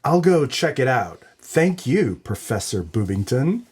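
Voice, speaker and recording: A man's voice: medium pitch, very animated, a little slow, a little mellow, breathy edge, heavily acted. A man playing a brash, dim hard-boiled noir detective in a comedic audio drama, with a tough-guy delivery. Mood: smarmy.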